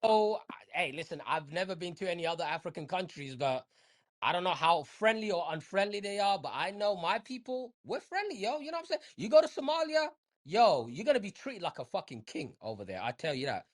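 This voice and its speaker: A woman's voice: fairly low pitch, very animated, brisk. A woman in casual podcast chat, emphatic and profane, repeating her points to drive them home.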